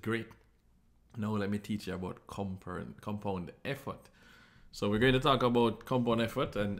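A man giving a motivational talk, telling a story and explaining while he draws a graph. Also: on the low side. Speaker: host.

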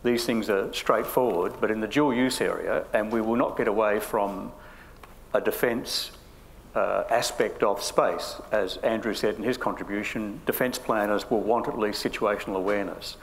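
A man moderates a conference panel in a low voice, putting his questions deliberately. A long hall reverb and faint noise sit behind him. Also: gravelly.

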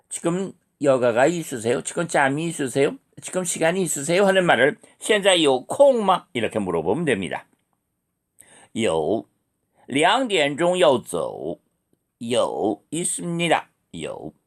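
Slow, lively-pitched male language teacher. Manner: models each sound slowly, then explains. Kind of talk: slow beginner language lesson.

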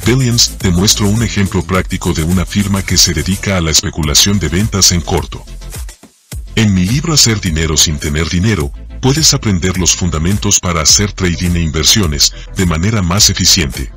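A middle-aged man giving a measured, scripted narration for a finance lesson. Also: low voice, lively intonation, fairly bright tone, soft background music. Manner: measured, explanatory delivery. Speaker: finance teacher.

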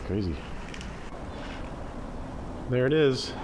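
A man's voice: medium pitch, expressive, very slow. A man in his forties chatting casually to a handheld camera in his garage, rambling and easygoing. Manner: rambling, easygoing, restarts sentences. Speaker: family vlogger. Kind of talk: casual vlog chat. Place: garage at home, indoors. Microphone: handheld camera close to face. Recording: noisy home camera audio.

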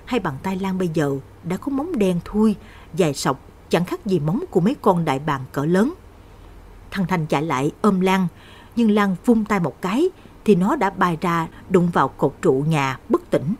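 Woman reading a ghost story, breathy voice, swoops up and down a lot. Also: on the low side, animated, normal speed, a little mellow. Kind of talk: horror story narration.

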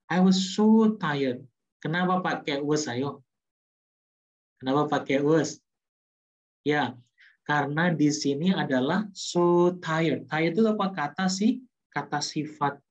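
A man teaching English grammar in a lively way. He asks questions and answers them himself, and slows down to repeat example sentences. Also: fairly high pitch. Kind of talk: classroom grammar explanation. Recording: muffled lo-fi recording.

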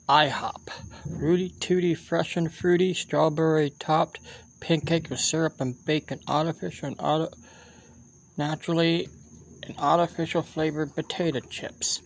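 A man giving casual snack tasting commentary as a vlogger, halting and repetitive as he thinks aloud outdoors. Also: a little high, a little hiss or hum. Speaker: food review vlogger. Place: outdoors at a picnic table in a park.

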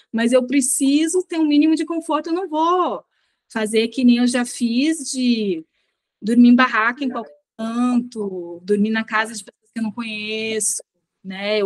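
A woman in her thirties chatting on a video call as an interview guest, relaxed and reflective, often ending lines with a quick tag question. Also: fairly high pitch, dry recording. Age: 30s. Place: small bedroom indoors. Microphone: laptop webcam on video call.

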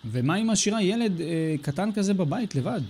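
A man's voice: high-pitched, lively intonation, a little mellow, a little hiss or hum. A man hosting a let's play, giving casual, sarcastic commentary that mocks the game character. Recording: faint game music in the background.

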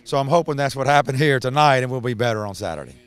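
A man in his sixties, a basketball head coach, giving a halting post-game interview full of restarts and fillers into a handheld mic in an empty indoor arena. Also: mid-range voice, smooth. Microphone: handheld reporter mic.

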